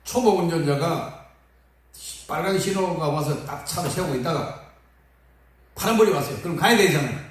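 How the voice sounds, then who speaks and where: A man's voice: on the high side, normal speed, pauses often. A man preaching a sermon to his congregation, telling funny stories and acting out the people in them. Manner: lively, humorous storytelling with acted-out quotes. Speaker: pastor. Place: church sanctuary. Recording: echoey hall from far off.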